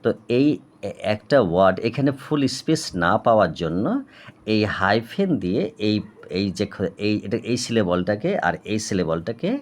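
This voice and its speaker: A man's voice: lowish voice, animated, moderate pace. A man tutor with a Bengali accent dictates an English reading word by word, names each punctuation mark aloud, and explains terms in Bengali. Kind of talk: slow dictation lesson.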